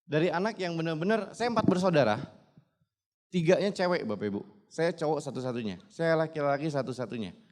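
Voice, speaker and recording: A man's voice: on the high side, lively intonation, a little fast. A man in his twenties gives a motivational testimonial speech at a business seminar, emphatically addressing the audience again and again. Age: 20s. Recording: long hall reverb.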